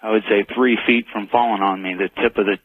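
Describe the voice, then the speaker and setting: Radio show caller, low voice, tinny phone line. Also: male voice, steady tone, dry recording. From United States. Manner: halting, plain storytelling with pauses. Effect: phone line call-in audio. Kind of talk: telling an eerie personal encounter.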